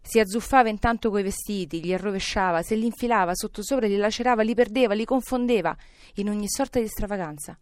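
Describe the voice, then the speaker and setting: Expressive woman reading an audiobook. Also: mid-range voice, fast talker, dry recording, clean studio sound. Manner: expressive, theatrical storytelling. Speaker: narrator. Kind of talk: audiobook reading of a classic novel.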